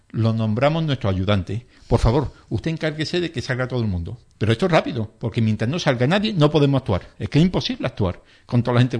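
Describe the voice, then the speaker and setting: A man's voice: mid-range voice, a little mellow. Emphatic man explaining first aid steps. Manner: emphatic, repetitive, acts out panicked bystanders in quotes. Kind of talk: explanatory interview talk.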